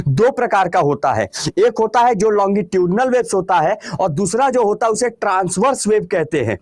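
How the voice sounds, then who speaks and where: A man's voice: high-pitched, no echo. A man with a Bihari Hindi accent teaching a class, who keeps asking questions and answering them himself. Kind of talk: classroom lecture.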